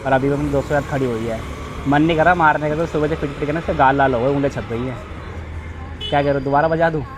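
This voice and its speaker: A man's voice: medium pitch, rapid-fire. Young man vlogging over noisy street ambience. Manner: teasing, then coaxing and apologetic. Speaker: vlogger pulling a prank. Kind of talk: casual vlog chat. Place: outdoors in a park.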